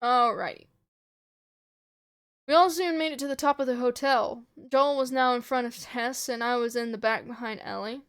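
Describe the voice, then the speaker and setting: A woman's voice: fairly high pitch, normal speed, fairly bright tone, clear, resonant tone. A woman streamer reading her own fanfic aloud on a livestream, with casual asides.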